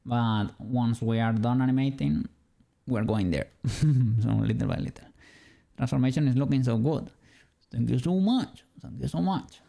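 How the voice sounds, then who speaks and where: He's from Spain, speaks with a Spanish accent, and has a warm, creaky, mid-range voice at a moderate pace. During a livestream, this 3D rigger works on an animation while chatting casually and chuckling now and then.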